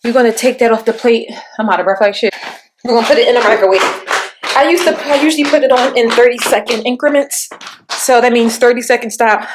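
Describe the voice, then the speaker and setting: A woman's voice: a little high, fast, noisy background. Chatty young woman with casual swearing. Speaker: beauty vlogger. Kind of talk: casual at-home tutorial chat. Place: dim home kitchen.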